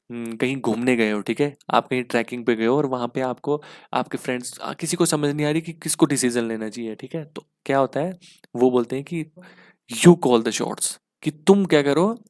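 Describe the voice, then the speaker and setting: A man teaching English for an exam in a mix, explaining step by step with rhetorical questions and spelling words out slowly. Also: medium pitch, fairly even intonation. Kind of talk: exam-prep lesson in Hindi-English mix.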